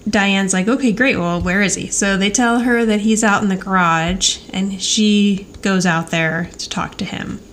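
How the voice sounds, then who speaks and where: On a podcast she co-hosts, a woman casually retells a TV rewatch, acting out dialogue in a chatty style. Her voice is medium-pitched and a bit bright, unhurried and with hardly any pauses, against a clear, noise-free background.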